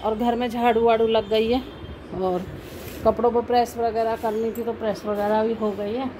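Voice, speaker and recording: A woman chatting casually to her viewers in a home vlog, speaking slowly because of sore mouth ulcers. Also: on the high side, flat delivery, roomy sound, distant mic, over music. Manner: chatty, often addresses viewers as guys. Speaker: family vlogger.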